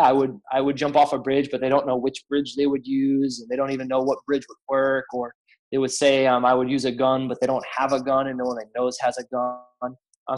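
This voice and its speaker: A man working as a counselor, calmly explaining in an interview, speaking with frequent ums and uhs. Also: mid-range voice, rough recording. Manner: calm, many fillers, acts out quoted voices.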